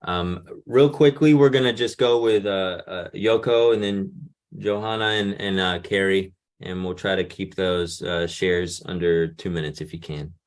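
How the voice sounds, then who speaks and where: A man facilitating an online workshop, moving speakers along briskly on a video call. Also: low voice, steady tone. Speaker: session facilitator.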